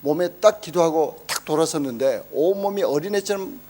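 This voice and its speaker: A man preaching a sermon, telling a story with animated exclamations and acting out quoted speech. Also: fairly high pitch, fairly quick, a little hiss or hum. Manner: emphatic exclamations. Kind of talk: sermon testimony.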